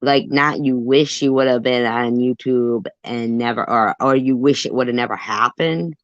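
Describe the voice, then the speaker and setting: A woman hosts a livestream commentary channel, her rumbling low voice moving at normal speed with no room sound. She talks defensively and rambles, full of fillers, and the audio is dull, dry and lo-fi.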